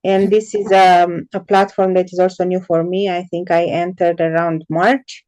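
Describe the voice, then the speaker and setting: A woman with a mellow, warm tone asks her guest curious questions in a casual interview. She speaks in a measured way and pauses often between phrases. Her voice sounds dry and close, with little room sound. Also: on the low side, level tone, no room sound, low-quality recording.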